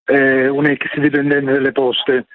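A man's voice: medium pitch, monotone, unhurried, a little hiss or hum. A man in his sixties calling in over the phone, a retired worker making his point bluntly and insistently. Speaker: caller, retired postal worker. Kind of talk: call-in to a radio talk show. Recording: tinny phone line.

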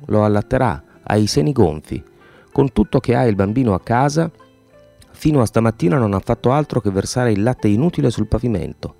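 A man reading a novel aloud, voicing the villagers' dialogue expressively and pausing to explain a word. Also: gravelly. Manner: expressive, voices the villagers' lines with raised pitch. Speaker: audiobook reader.

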